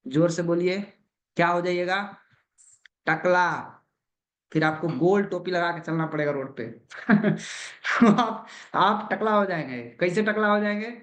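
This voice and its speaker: Trainer guy, pretty high voice, keeps asking the room stuff and repeating himself. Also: a bit bright. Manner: asks the audience questions and answers them himself; repeats key points with emphasis. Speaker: business trainer. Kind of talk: motivational seminar talk.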